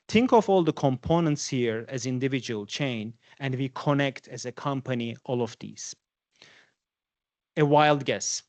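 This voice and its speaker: Students hear a conversational guest lecture from a native Turkish speaker in his forties, from Turkey, who keeps asking them questions. He has a mid-range voice, and no room sound is audible.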